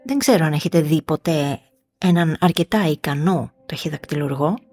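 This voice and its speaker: A woman reading the lines of a fussy, easily flustered gentleman in an audiobook story. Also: low-pitched, soft background music, close to an everyday voice.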